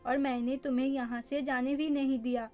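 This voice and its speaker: A woman's voice: high voice, level tone, normal speed, darkish tone, soft background music, lightly acted. Woman reading Wei Ying, a fretful young man. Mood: flustered. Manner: read plainly in the narrator's own voice. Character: young man, sick, emotional and apologetic.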